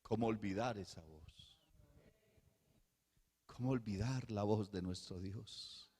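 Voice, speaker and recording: A male pastor preaching a sermon, swinging between soft hushed passages and loud fervent bursts, with rhetorical repetition. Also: fairly low pitch, takes it slowly, breathy edge. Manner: rhetorical repetition and calls of "hermano". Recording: long hall reverb.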